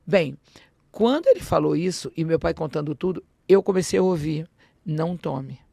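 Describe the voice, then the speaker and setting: Gravelly woman telling a story. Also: on the low side, a little fast, no echo, studio quality. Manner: animated, acts out dialogue, frequent restarts. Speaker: interview guest. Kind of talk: personal storytelling in a podcast interview.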